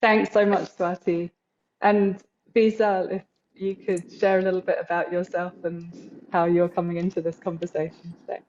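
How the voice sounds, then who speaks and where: A woman's voice: lowish voice, flat delivery, moderate pace, darkish tone. A woman moderating a virtual panel, passing the turn on with brief, courteous handovers. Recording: muffled video call with faint noise.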